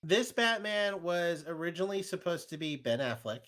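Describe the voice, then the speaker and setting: Lively, joking male podcast co-host. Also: high-pitched, moderate pace. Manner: joking, laughs easily. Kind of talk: casual chat.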